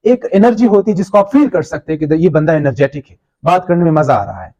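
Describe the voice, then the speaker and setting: A man's voice: a little high, lively intonation, fast talker, dark tone, lo-fi sound. A young man with a Pakistani Urdu accent giving a workshop lecture, mixing in English phrases and often checking in with his audience. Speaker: workshop trainer.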